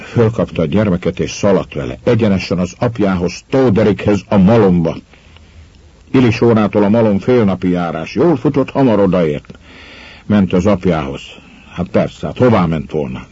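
A man's voice: sits low, lively intonation, slightly rough, no room sound. A man playing a brooding man confessing a killing. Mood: grave. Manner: grave, measured storytelling that drops to hushed whispers. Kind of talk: dramatic monologue. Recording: dull lo-fi recording.

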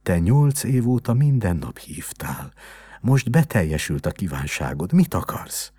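A man's voice: sits low, very animated, dark tone, husky, no room sound, exaggerated voice. A man voicing a returned dead young woman. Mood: urgent.

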